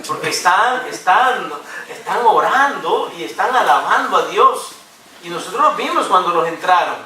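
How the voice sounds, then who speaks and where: The preacher's high voice is expressive, bright and forceful, at a moderate pace. He teaches with jokes and English fillers, captured from afar in a roomy church hall with a little hiss or hum.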